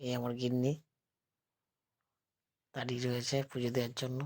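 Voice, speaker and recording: Male vlogger, sore throat, soft and unhurried, flat even delivery, phone-recorded. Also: medium pitch. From West Bengal, India. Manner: speaks slowly and softly, addressing viewers as friends. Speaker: travel vlogger. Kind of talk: casual vlog narration. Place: temple grounds. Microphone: phone held while filming.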